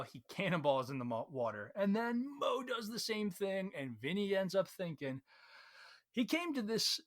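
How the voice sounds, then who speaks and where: As a read-along host, a man with a fairly high voice recaps a story casually and conversationally, retelling it with lots of animation.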